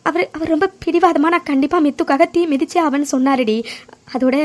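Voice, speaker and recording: A woman voicing a calm young female friend who speaks gently and patiently in a cartoon. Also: sits high, voice pushed down, close to an everyday voice.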